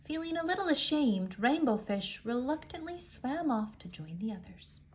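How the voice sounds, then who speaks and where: A woman with a high-pitched voice reads a picture book to young children, using expressive delivery and deliberate dramatic emphasis. A slight hiss or hum can be heard.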